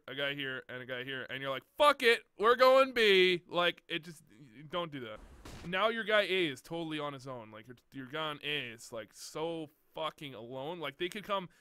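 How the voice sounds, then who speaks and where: A man's voice: fairly high pitch, animated, moderate pace, pushed and bright, clean tone, no echo. A young man casually commentating over gameplay, coaching bluntly and swearing often as he points out mistakes. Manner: blunt, profane, exasperated teaching. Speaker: game coach reviewing a demo.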